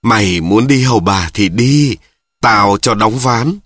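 A man reading the lines of a blunt, crude old male cart driver, slow and gruff, with a husky voice. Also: lowish voice, expressive, fairly bright tone, no echo, studio quality, heavily acted.

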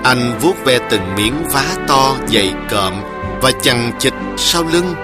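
A man reading a story aloud in a slow, deliberate, emotive way. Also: medium pitch, lively intonation, over loud music. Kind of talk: scripted story narration.

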